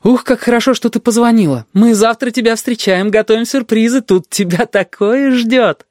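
An affectionate middle-aged mother in an audiobook, fussing and doting, her voice lifted high and bright. A male reader puts her on, recorded close and dry, with no room around the voice. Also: very animated, a little slow, dry recording, full character voice. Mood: delighted.

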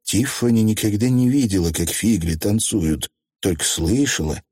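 Man narrating a story, lively and mellow. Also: lowish voice, moderate pace, no echo, studio quality. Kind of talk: audiobook narration.

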